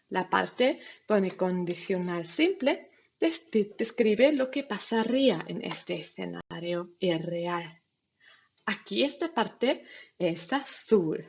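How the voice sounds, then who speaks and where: Slow, husky-voiced woman teaching grammar. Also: medium pitch, a little mellow, dull audio. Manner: patient, step-by-step instructions to students. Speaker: Spanish teacher. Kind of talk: recorded grammar lesson.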